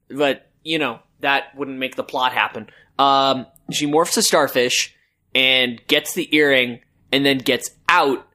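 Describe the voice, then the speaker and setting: A man co-hosting a casual book-discussion podcast, talking slowly and unhurriedly. His voice is bright and forward. He rambles, filling his sentences with "like" and "um". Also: mid-range voice. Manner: rambling, full of "like" and "um". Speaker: podcast co-host.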